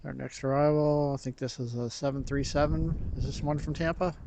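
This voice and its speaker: A man gives casual livestream commentary in a slightly high voice. He sounds unhurried and musing, with faint ambient noise behind him. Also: steady tone. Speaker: livestream host. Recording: faint outdoor background noise.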